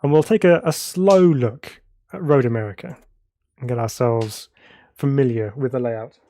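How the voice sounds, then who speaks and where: There's a little hiss or hum under this man's warm, medium-pitched voice, which moves at normal speed. Sick with a cold and sounding stuffed up, he offers chatty commentary on his racing sim driving, chuckling at himself and reading viewer chat out loud.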